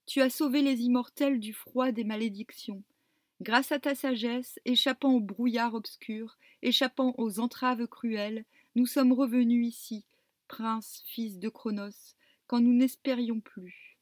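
A woman's voice: on the high side, fairly even intonation, unhurried, no echo, clean studio sound, lightly acted. A woman reading the reply of Kotos, a loyal hundred-armed male giant, in an earnest, deferential way.

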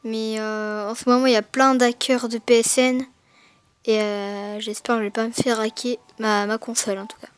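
A woman's voice: fairly high pitch, little pitch movement, moderate pace, smooth, no echo. A woman recording a casual unboxing narration through a gaming headset mic, talking hesitantly with many fillers and self-corrections. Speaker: gaming video maker.

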